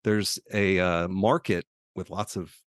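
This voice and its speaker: Low-voiced man co-hosting a podcast. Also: a little slow, clean tone, no echo, clean studio sound. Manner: relaxed, chatty, laughs often. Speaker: podcast co-host. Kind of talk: casual podcast chat.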